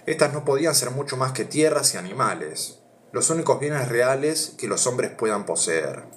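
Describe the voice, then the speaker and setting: An Argentine man with a Rioplatense accent reads philosophy aloud on a live stream, chatting with viewers and thinking out loud with lots of hesitations. His mid-range voice is expressive and a bit bright, at a moderate pace, with slight background noise.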